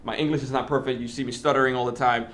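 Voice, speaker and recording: A man in his twenties from the Dominican Republic, Spanish being his native tongue, hosts a casual interview and tutorial in a steady, medium-pitched, slightly bright voice. He speaks quickly, with frequent fillers and restarts.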